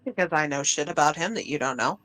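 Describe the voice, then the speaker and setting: A woman's voice: deep voice, fast talker, fairly bright tone. A woman voicing a sly, smug captive woman who teases with dry, mocking remarks during a tabletop role-play. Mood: sardonic.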